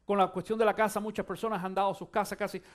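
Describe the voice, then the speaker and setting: A male pastor preaching a sermon, shifting from quiet musing to loud, fervent exhortation and urging his listeners to listen. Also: high voice, little pitch movement, fast talker. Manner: addresses listeners directly, urging them to listen.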